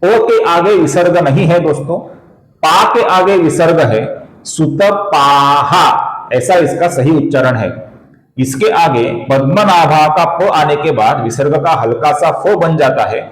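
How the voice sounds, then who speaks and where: A man's voice: fairly high pitch, roomy sound, low-quality recording. Earnest Hindi-speaking man teaching Sanskrit chanting. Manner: slow deliberate chanting of verses, explaining sounds; addresses viewers as friends, earnest and instructive. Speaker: spiritual teacher and channel host. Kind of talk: Sanskrit pronunciation lesson in Hindi.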